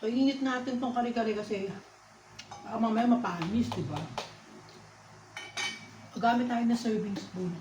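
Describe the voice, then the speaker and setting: A woman's voice: a little high, measured pace, pauses often, background noise. Woman food vlogger with a raised voice, casual mealtime chatter, in an echoey room with dull sound. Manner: chatty, keeps calling out to viewers; talks while eating. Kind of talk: casual eating vlog chat. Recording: echoey, slightly dull recording.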